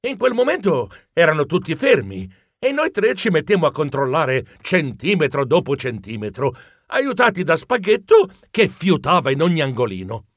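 A man narrating a children's audiobook in an expressive, playful storytelling manner. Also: fairly high pitch, normal speed, no echo, clean studio sound.

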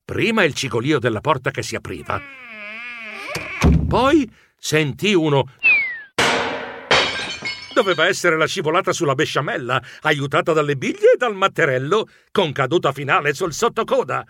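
A man narrating a children's story in an expressive, animated way. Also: fairly high pitch, moderate pace, pauses often, background noise. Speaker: audiobook narrator.

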